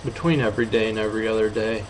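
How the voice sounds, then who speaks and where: Speaking rapid-fire, this eighteen-year-old films a homemade review in his apartment bedroom, his very flat, low voice a little muffled by a lip full of dip. He's offhand, hesitant, and low-key, rambling as he goes, with noisy room sound behind him.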